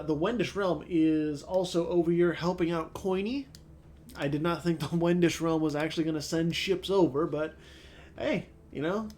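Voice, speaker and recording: Over slight background noise, a man with a somewhat high, slightly mellow voice chats casually about a strategy game in a let's-play. He has a sore throat and stuffy nose and thinks aloud with many fillers.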